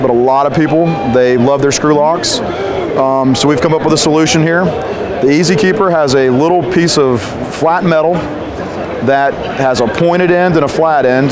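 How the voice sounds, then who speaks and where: A man in his thirties, a sales manager presenting products at a trade show booth in an upbeat way with frequent ums. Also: on the high side. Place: large indoor trade show hall, at a booth. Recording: busy convention floor crowd noise. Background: crowd chatter.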